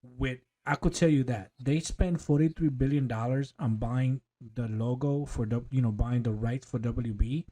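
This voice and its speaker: Excitable man co-hosting a casual podcast. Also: medium pitch, moderate pace, few pauses. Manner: excitable, laughs easily, uses slang like "bro". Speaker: podcast co-host. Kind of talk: casual chat.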